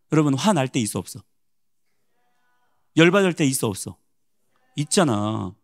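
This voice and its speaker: A male pastor giving a morning sermon, preaching in an animated way and putting questions to the congregation. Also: medium pitch.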